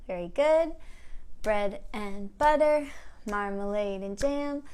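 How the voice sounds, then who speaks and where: A library storytime host leads young children through songs and a picture-book read-aloud, using simple encouraging phrases and sing-song reading. Her medium-pitched voice is smooth and a little mellow, and she takes it slowly.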